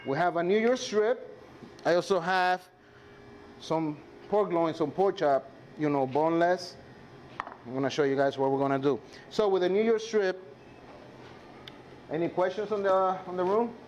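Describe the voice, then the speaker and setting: A native Spanish speaker from the Dominican Republic hosts a live cooking class, chatting casually with viewers and crew in his Dominican accent. His voice is high-pitched and darkish, moving at a moderate pace with long pauses. Sizzling and kitchen noise come through clearly.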